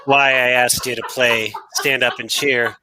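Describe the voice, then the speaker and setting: A man's voice: medium pitch, level tone, a little slow, heavy background noise. A man hosting a casual sports talk show, joking and rambling with frequent restarts. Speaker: podcast host.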